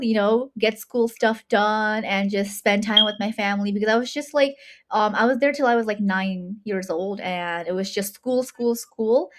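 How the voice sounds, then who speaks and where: Bubbly twenty-year-old woman from Nepal. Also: medium pitch. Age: 20s. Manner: bubbly, chatty with many fillers. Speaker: guest, university student. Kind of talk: casual interview chat.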